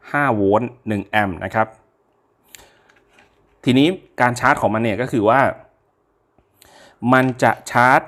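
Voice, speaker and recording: A man giving a casual product review, talking straight to his viewers in a chatty, unhurried way, often pausing and correcting himself mid-sentence. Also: medium pitch, a bit bright. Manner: talks directly to viewers.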